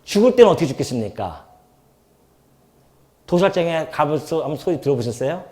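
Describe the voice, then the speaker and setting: Male pastor, church sermon, lively swooping delivery, rhetorical questions to the pews. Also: fairly high pitch, a little fast. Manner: animated, swings between loud emphasis and soft asides; asks the congregation questions and acts out quoted speech. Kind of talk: expository sermon.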